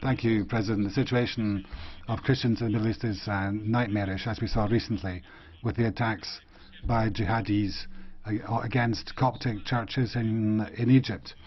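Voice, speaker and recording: Male interpreter, low husky voice, halting measured delivery, muffled broadcast feed. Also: steady tone.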